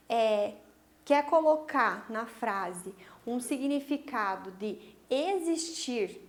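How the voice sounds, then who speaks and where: A woman teacher giving a recorded online grammar lesson to young pupils, explaining step by step and checking in with short tag questions. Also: high voice. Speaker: primary school teacher.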